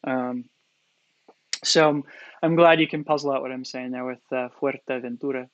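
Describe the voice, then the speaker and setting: A poi spinning instructor with a Coloradan accent answers viewer questions during a live-stream tutorial in a small indoor room. His medium-pitched voice is steady and moderately paced, but he's hesitant, with many fillers and restarts. The recording is dry and muffled.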